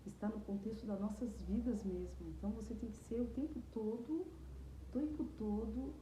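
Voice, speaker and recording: Earnest Brazilian woman with a dark, mellow voice. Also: on the high side. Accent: Brazilian Portuguese. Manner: earnest, halting with repeated restarts. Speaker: interviewee telling her conversion story. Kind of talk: emotional personal testimony. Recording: echoey room with faint noise.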